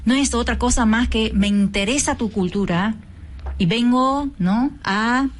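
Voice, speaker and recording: A woman's voice: on the high side, measured pace. A woman with an Argentine accent, president of a cultural association, patiently explaining lessons in a radio interview. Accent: Argentine Spanish. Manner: patient, teacherly, sings out tones to demonstrate.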